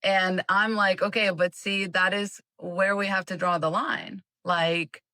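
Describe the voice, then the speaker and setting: A woman's voice: medium pitch, little pitch movement, a little slow, sharp tone, no room sound. Frank woman guest from Eastern Europe. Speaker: guest content creator. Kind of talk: casual livestream conversation.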